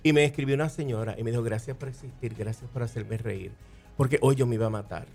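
A Puerto Rican man in his forties talks about his comedy show in a lively, promotional way. His voice sits in an ordinary middle pitch, with faint music under the conversation. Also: fast, creaky, breathy edge. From Puerto Rico. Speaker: stand-up comedian guest. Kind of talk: casual interview chat.

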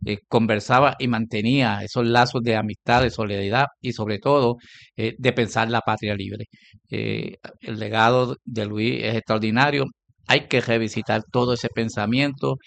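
A man's voice: medium pitch, fairly even intonation, moderate pace, creaky, no echo. A man speaking on a radio talk show, hesitating often with filler sounds and restarts. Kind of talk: spoken radio tribute.

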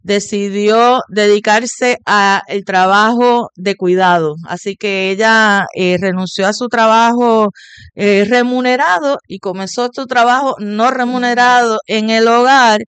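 A woman speaks as an interview guest in an earnest, reflective way, hesitating now and then. Her voice is very smooth and resonant. The recording is dry and close. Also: on the high side, fairly even intonation, unhurried, a bit bright, dry recording. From Puerto Rico. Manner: earnest, recounts memories with hesitations. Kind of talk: conversational interview.

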